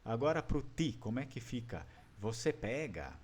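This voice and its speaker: A man's voice: medium pitch, sing-song, normal speed, a little mellow. A man with a Brazilian Portuguese accent teaching an online class, patiently explaining step by step and quizzing his students. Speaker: language teacher.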